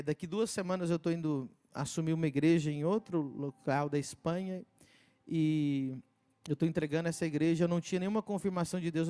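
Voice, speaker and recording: A middle-aged male pastor telling a testimony in a sermon, animated, acting out the people he quotes and swinging between loud bursts and hushed asides. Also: on the high side, clear, resonant tone.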